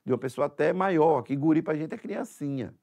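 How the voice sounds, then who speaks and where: A man's voice: a little high, a little fast, creaky, a little mellow. A man teaching an exam-prep language lesson in a Sergipe Brazilian Portuguese accent, explaining step by step and checking in often with tag questions.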